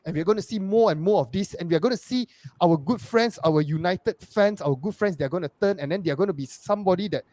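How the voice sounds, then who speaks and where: An earnest man arguing his point on a football fan panel. His voice sits a little high and the recording is dry and close. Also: brisk, a little mellow, dry recording. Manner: earnest, insistent. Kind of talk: casual debate.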